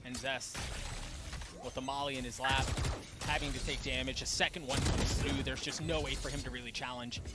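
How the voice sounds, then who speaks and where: A man casting esports live, doing excitable play-by-play with dramatic phrasing. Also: medium pitch, normal speed, over loud music. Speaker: esports caster.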